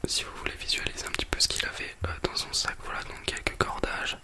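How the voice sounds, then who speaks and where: Bright, whispering ASMR reviewer. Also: quick pace. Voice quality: breathy, unvoiced whisper. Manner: soft library-like whisper throughout. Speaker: ASMR video host. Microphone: close binaural microphone.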